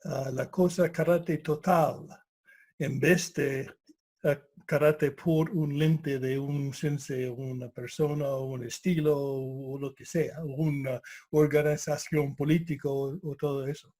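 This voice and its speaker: Older man, slow hesitant Spanish, English. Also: a little high, steady tone, darkish tone. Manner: hesitant, searching for words with many pauses. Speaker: karate instructor, guest. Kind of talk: reflective conversational talk.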